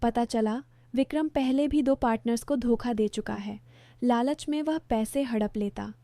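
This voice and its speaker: A middle-aged woman narrates a first-person story calmly and evenly. Her voice sits fairly high with a dark, mellow tone. The sound is dry and close. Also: measured pace, no room sound.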